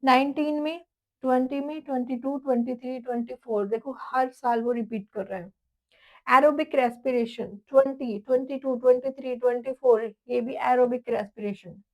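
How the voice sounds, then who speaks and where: High-voiced woman teaching exam prep. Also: steady tone, normal speed, dull audio. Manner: calls students "beta", rattles off years and question counts.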